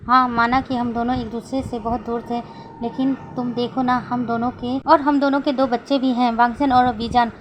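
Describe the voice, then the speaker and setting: A woman's voice: on the high side, level tone, moderate pace, muffled recording, slight background noise, lightly acted. A woman voicing a hot-tempered young father who scolds his sons in a snappy way, in a read-aloud story. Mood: earnest.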